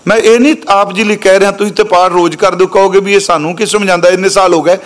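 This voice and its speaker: A man from Punjab delivers a sermon in a notably high voice. He draws out sung lines of scripture slowly, then drops into brisk, respectful explanation aimed at his listeners, pausing to correct their pronunciation. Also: steady tone. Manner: slows to a drawn-out chant when reciting verses, then explains briskly. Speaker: Sikh preacher giving scripture exposition. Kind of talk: sermon with chanted scripture recitation.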